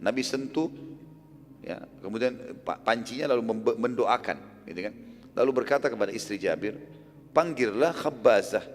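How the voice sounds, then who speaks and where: A man's voice: fairly low pitch, lively intonation, normal speed, a little hiss or hum. A male preacher retelling a story in a sermon, casual and explanatory, who acts out the quoted lines. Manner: colloquial and explanatory, with casual fillers; acts out quoted speech with raised voice. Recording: long hall reverb.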